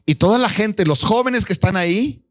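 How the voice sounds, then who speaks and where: Male pastor with a high voice, preaching an animated sermon and quizzing the congregation. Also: normal speed. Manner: animated, acts out voices of the people in the story; asks the congregation questions.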